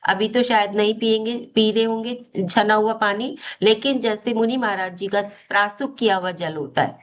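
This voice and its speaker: A woman teaching a spiritual healing course, explaining a devotional hymn step by step, often posing a question and then answering it herself. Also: mid-range voice. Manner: explanatory, asks and answers her own questions; slow, deliberate chanting of mantra syllables.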